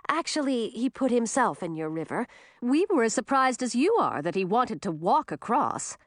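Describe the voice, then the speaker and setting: A woman's voice: fairly high pitch, sing-song, moderate pace, dry recording, clean studio sound, voice pushed up. A woman voicing a level-headed young girl wizard who sounds a little exasperated, for an audiobook. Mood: reasonable.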